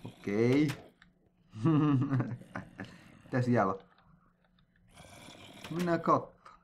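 A man giving let's-play commentary on his own gameplay, excitable and jokey, breaking into sudden yelps and sing-song noises. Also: mid-range voice, highs cut off, slight background noise. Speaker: gamer playing a player-made map.

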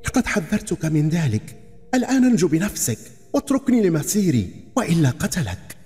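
A man's voice: a little high, very animated, brisk, mellow, pitched above the performer's own voice. A man voicing a frightened young captive woman in a storybook tale, pleading in a raised voice. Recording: long reverb, faint background music.

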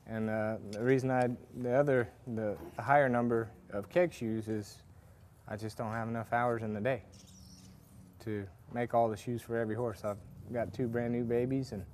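A faint hiss or hum sits under this man's slightly mellow, mid-range voice, which moves little in pitch and keeps a moderate pace. He's a farrier instructor rambling casually through a hands-on demo at a workshop with forges, restarting often and using lots of fillers.

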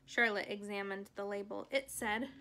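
A woman's voice: medium pitch, steady tone, normal speed, sharp tone. A woman teacher reading a children's book aloud, stopping for casual asides that explain words to young children.

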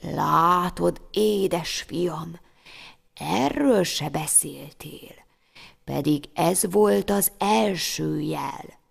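Woman doing wise old storybook woman, hushed half-whisper, slow, gravelly, reverberant hall. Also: fairly low pitch, full character voice. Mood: gentle, knowing. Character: kindly wise old woman, knowing and patient.

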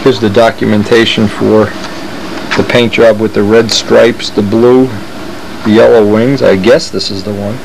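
A man's voice: fairly low pitch, flat delivery, measured pace, gravelly, background noise. A man casually narrating as he shows model aircraft plans to the camera, enthusiastic and thinking aloud. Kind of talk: casual show-and-tell narration.

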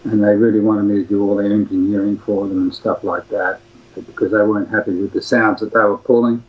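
A man's voice: fairly low pitch, flat delivery, fairly quick, slightly rough. An older Australian man, a music producer, reminiscing in a rambling phone interview with many restarts. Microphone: phone line. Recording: dull lo-fi phone audio.

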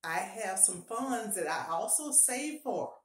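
She's a middle-aged woman with a mid-range voice, lively intonation and a slow pace, vlogging about personal finance. Recorded by a fixed camera close up in a small, echoey home bathroom, her casual video offers upbeat budgeting encouragement with frequent repetition of key points.

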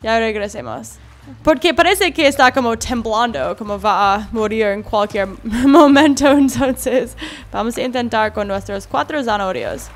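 Young woman, for relaxed gameplay commentary; high, animated delivery, talks to creatures, squeals when startled. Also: measured pace. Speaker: gaming video creator. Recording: faint background game music.

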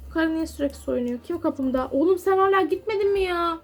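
High-voiced woman chattering over gameplay. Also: quick pace, soft background music. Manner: chatty, exasperated, scolding game characters. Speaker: gaming YouTuber. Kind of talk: casual gameplay commentary.

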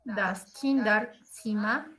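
A woman's voice: medium pitch, drawn-out words, fairly bright tone, a little hiss or hum. A woman student in an online class over a video call, repeating words carefully and hesitantly.

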